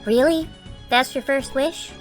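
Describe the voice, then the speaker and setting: A woman's voice: high voice, a little slow, faint music behind. A synthetic robot voice that sounds like a woman, voicing a pushy, chummy genie who grants wishes.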